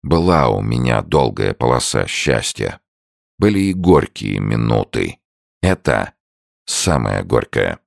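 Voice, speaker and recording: A man reads as a tired, ailing old father, solemn and gentle. His voice sits extremely low with a gravelly creak, close and dry. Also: sing-song, takes it slowly, no echo, exaggerated voice. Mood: weary.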